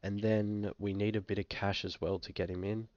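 A young Australian man, a fantasy football vlogger, talks through a screen-share review in a small indoor room, sounding a bit sick and coughing now and then. His voice sits on the low side and is slightly mellow, with a flat delivery at normal speed, laid-back and hesitant with frequent fillers. The recording is muffled, with no room sound.

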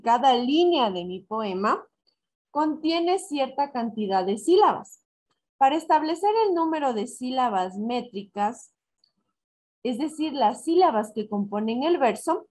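A woman teacher explains a lesson in a slow, deliberate way, going step by step. She counts syllables out loud and asks herself questions before answering them. Her voice sits a little high. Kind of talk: recorded online class. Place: school in Ecuador.

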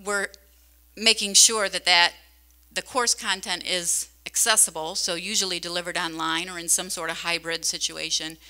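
A woman's voice: on the low side, fairly even intonation, moderate pace, bright, forceful tone. A middle-aged woman giving a conversational conference keynote into a handheld microphone in a large hall, often asking the audience questions. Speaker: keynote speaker.

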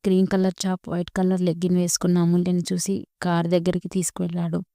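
Woman storyteller, scripted narration, low voice, flat even delivery. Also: fast talker, dry recording, studio quality. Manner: steady, even reading.

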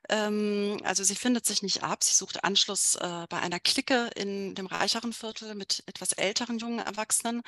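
A woman translator at a literary event, talking about a novel with some hesitation and then reading a passage aloud in a measured way. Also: medium pitch, bright, forceful tone, no echo. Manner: measured, with frequent hesitations in talk.

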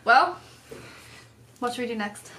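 A young woman with a high-pitched voice chats casually as a vlog co-host. She is in a roomy-sounding home space with faint noise behind her. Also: expressive, a little slow. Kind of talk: casual chat. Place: indoor home dining room. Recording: echoey room with faint noise.

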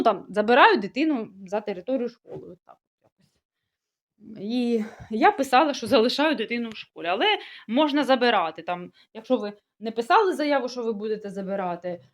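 A young woman with a sore throat, chatting casually to her viewers about everyday matters. She rambles and restarts, sounding puzzled. Her first language is Russian. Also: on the high side. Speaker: village-life vlogger. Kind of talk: casual talk to camera.

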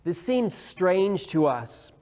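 A man's voice: sits high, sing-song, slow, a little mellow. A male pastor preaching a sermon, retelling a story earnestly with small restarts. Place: church hall. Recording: long hall reverb.

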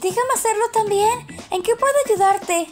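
Very high-voiced excitable woman. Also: normal speed. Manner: excitable, playful. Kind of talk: playful kids' skit. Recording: loud music underneath.

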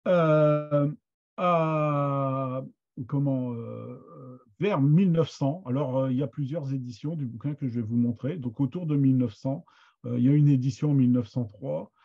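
A man giving an informal lecture on books and their authors, pausing often with fillers and restarts. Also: a little high, warm tone. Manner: hesitant, many fillers and restarts. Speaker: lecturer on Picard literature. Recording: dull lo-fi sound.

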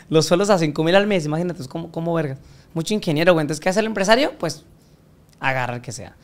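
A man's voice: fairly high pitch, quick pace. A young man with a Mexican accent sits in as a podcast guest, telling a long story in casual, crude slang. He swears constantly and jumps into the voices of the people he quotes. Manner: crude, profanity-laden, acts out quoted voices.

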